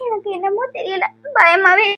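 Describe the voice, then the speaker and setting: A woman's voice: extremely high pitch, steady tone, normal speed, bright, forceful tone, dry recording, low-quality recording. A woman voicing a tearful young mother of newborn twins who speaks tenderly and pleads in a cartoon serial.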